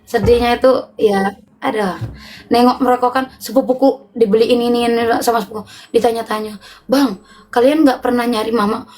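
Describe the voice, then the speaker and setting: A woman telling a personal story to her livestream viewers in a casual, animated, emotional way, often laughing. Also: a little high, moderate pace, slight background noise. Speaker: livestream host.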